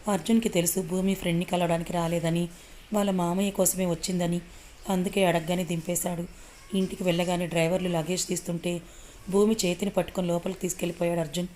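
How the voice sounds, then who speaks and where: A woman narrating a romance audio story in a steady, even reading manner. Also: fairly low pitch, fast talker, a little hiss or hum.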